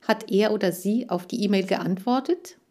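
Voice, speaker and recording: A woman's voice: medium pitch, normal speed, dark tone, close to an everyday voice. Woman voicing a firm girl detective. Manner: firm, matter-of-fact. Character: level-headed girl detective, firm and practical.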